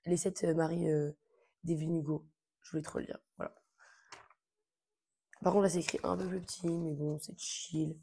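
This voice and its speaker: A young woman chats informally to camera, trailing off with fillers and slang. Her voice sits a little low, with a gravelly, husky, mellow grain. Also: flat delivery, moderate pace, pauses often. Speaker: book vlogger. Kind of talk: casual chat to camera.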